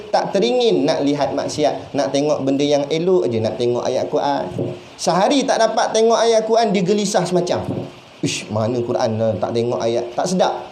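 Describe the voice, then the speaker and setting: A man with a Malaysian Malay accent giving a sermon as a religious teacher. He talks in a lively, conversational way, asking questions and acting out little voices. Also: a little high. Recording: echoey room with faint background noise.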